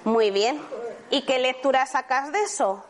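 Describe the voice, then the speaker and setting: Woman, laughter workshop leader, high voice, chatty, asks the audience questions. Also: a little slow. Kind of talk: live workshop talk to an audience. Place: room with a live audience.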